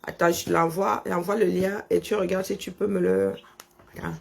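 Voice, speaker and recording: A woman with a lisp that makes her s sounds slushy, chatting casually and haltingly, often repeating words as she thinks. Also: fairly low pitch, steady tone. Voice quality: husky, creaky voice. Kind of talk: casual chat, talking to herself and on a phone call.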